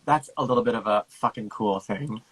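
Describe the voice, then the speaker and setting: A man's voice: fairly low pitch, a little fast, fairly bright tone, a little hiss or hum, poor audio. Laughing, joking male host. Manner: jokey, laughs often, mixes English and Japanese. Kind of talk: bilingual casual chat.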